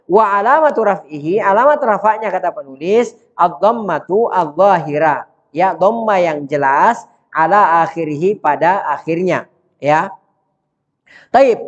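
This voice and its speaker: A man teaching an Arabic grammar lesson who reads phrases aloud, translates them and often quizzes his students. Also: high voice. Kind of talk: classroom lesson explaining a grammar text. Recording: dull sound with long hall reverb.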